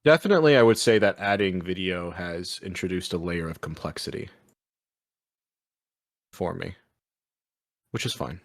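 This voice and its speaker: A man hosting a casual chat, relaxed and offhand with wry verdicts. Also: low-pitched, moderate pace, pauses often, dry recording, clean studio sound. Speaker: host.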